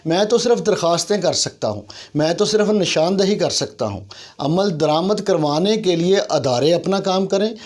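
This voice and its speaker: This man, speaking with a Pakistani accent, complains earnestly about civic issues in a YouTube monologue, emphatic and heavy on rhetorical repetition. He has a high voice with lively intonation and a darkish tone, talking at normal speed.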